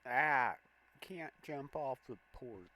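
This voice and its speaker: A man hosting a gameplay walkthrough, calmly explaining each button press step by step. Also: medium pitch, poor audio. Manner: slow, plain step-by-step explaining of controls. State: has the hiccups. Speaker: gameplay video host.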